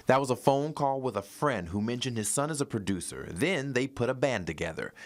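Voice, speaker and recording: A TV news reporter narrates a scripted feature in a polished broadcast style, with some studio chat mixed in. His mid-range voice moves briskly and has lively intonation.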